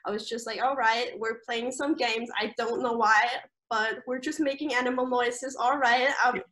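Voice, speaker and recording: A young camp staff member from Austria, whose native German carries an Austrian accent, casually discusses camp during a video-call interview, restarting often and using lots of fillers. She has a slightly high, bit bright voice, a steady tone and a moderate pace.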